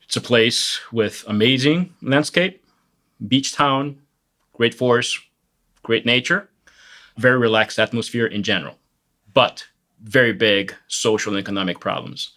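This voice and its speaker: A man in his forties from Brazil, speaking English with a Brazilian accent as a guest economist, thoughtful and full of pauses and self-corrections. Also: mid-range voice, pushed and bright. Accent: Brazilian Portuguese. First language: Portuguese. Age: 40s. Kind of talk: conversational interview answers.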